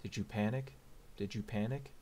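A calm, probing prosecutor, read by a man. He speaks low and slow, pressing each question quietly in an audiobook reading. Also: a little hiss or hum, close to an everyday voice.

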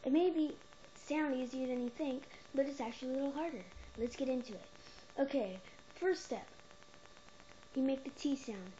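High-voiced woman giving a casual tutorial. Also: moderate pace, dark tone, lo-fi sound, slight background noise. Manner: offhand and easygoing, with filler words. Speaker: vlogger teaching beatboxing.

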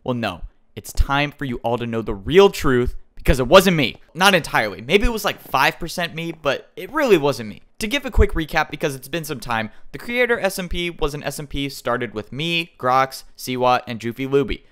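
A man's voice: mid-range voice, very animated, normal speed, fairly bright tone. A man hosting a casual vlog, telling a story in a joking, mock-defensive, chatty way. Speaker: YouTuber host.

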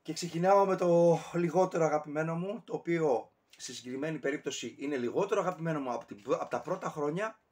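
A man's voice: on the high side, few pauses, darkish tone. A man casually ranking albums on camera, talking in a rambling, digressive way with many fillers and self-corrections. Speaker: music reviewer.

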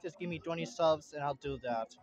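A young man from Puerto Rico rambling casually as he films a beach vlog outdoors, holding his phone while he walks. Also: fairly high pitch. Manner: rambling, unhurried, plain-spoken. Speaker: vlogger. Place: outdoor beach park, in and out of a tent. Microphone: phone held in hand while walking. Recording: dull lo-fi phone audio.

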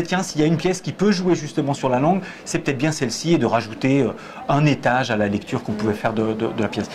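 Medium in pitch, this man in his forties is a stage director giving thoughtful interview answers on a lapel mic from a box seat in a theatre auditorium. He's hesitant, restarts many times, and gestures while talking, with busy crowd chatter behind him.

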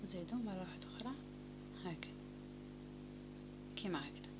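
Algerian woman teaching crochet, quick and hushed. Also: fairly low pitch. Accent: Algerian Arabic. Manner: calm instructive talk, often dropping to a near whisper. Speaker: crochet tutorial host. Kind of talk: step-by-step craft tutorial. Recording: home recording with clear background noise.

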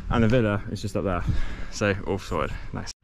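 A man's voice: fairly low pitch, normal speed, vocal fry, slight background noise. A young man chatting to an action camera held at arm's length outdoors during a cycling trip, rambling and correcting himself as he goes. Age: young adult. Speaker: cycle touring vlogger. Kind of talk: casual vlog to camera. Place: outdoors on a sunny coastal path.

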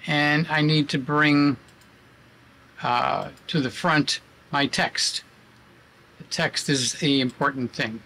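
A man's voice: fairly high pitch, steady tone, slow pace, pauses often, bright, forceful tone, slight background noise. A man vlogging at home, chatting with many fillers as he sets up his camera on a tripod in a room he uses as a studio. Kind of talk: casual vlog talk.

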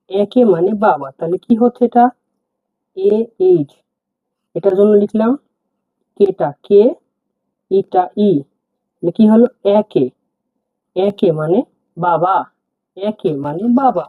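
A teacher giving a slow, step-by-step language lesson, saying each word several times. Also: mid-range voice, slightly rough, no echo. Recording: muffled phone-like dry sound.

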